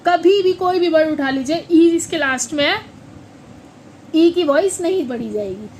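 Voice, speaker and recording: A woman teaches with a very high voice, speaking slowly and saying each word several times before asking it back. Faint noise hums underneath. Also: darkish tone, low-quality recording. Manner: slow, repeats words and asks questions back. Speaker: English pronunciation teacher. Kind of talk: classroom-style lesson.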